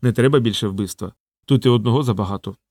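A man's voice: fairly low pitch, quick pace, a little mellow, no room sound, close to an everyday voice. A man voicing an earnest, worried young man in an audiobook, in a plain, natural voice.

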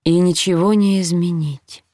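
A woman narrating a first-person novel in a measured, reflective reading voice, close to the mic. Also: lowish voice, steady tone, dark tone, no room sound. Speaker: audiobook narrator.

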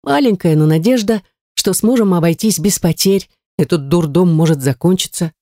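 A woman narrating a first-person fantasy audiobook in a lively, wry manner. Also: lowish voice, normal speed, no room sound, studio quality. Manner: lively wry storytelling with exclamations.

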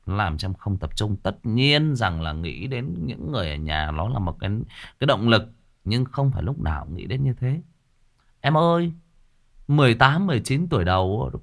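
Man, livestream host, rambling advice, very animated pitch. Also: vocal fry. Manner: rambling, big-brotherly, swings from soft to loud. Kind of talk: casual livestream monologue.

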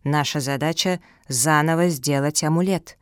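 A woman voicing a clever, firm male pug in an audiobook for children, speaking in a measured way. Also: deep voice, no room sound, clean studio sound, lightly acted.

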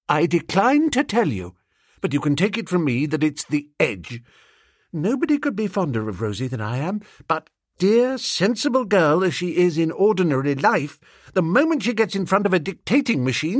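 Audiobook: male reader playing a high, quivering young toff, melodramatic and easily panicked, husky-edged. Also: no room sound, studio quality. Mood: anguished. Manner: high, breathless, quivering pleading. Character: flustered young gentleman, excitable and melodramatic.

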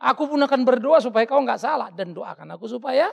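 A high, gravelly male voice rises and falls widely as a pastor preaches. He jokes and acts out the people he quotes. The sound carries a long hall reverb. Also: expressive, brisk. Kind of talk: sermon.

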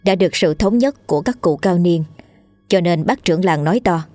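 A woman narrating a horror story in a steady storytelling manner. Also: on the low side, brisk, no room sound, faint music behind.

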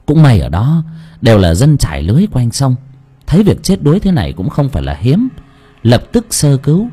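A man narrating an audiobook story in an expressive way. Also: mid-range voice, brisk, breathy edge.

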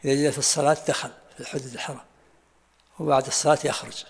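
Sheikh guy, raspy quick commentary, echoey mosque hall. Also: medium pitch, little pitch movement. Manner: interjects questions, explains in colloquial asides. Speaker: sheikh teaching a text. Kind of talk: explaining and commenting during a text reading. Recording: long hall reverb.

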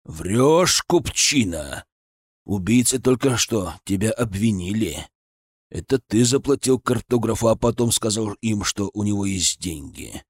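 A man's voice: fairly low pitch, lively intonation, slightly rough, no echo, studio quality. A man growling as a stern secret-police colonel. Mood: menacing. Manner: barking, slow and menacing.

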